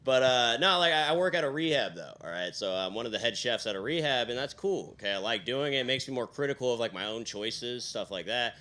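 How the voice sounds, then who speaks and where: A young man doing a deadpan stand-up set on a stage mic, padding his lines with fillers and "all right?". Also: medium pitch, fast, few pauses. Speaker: stand-up comedian.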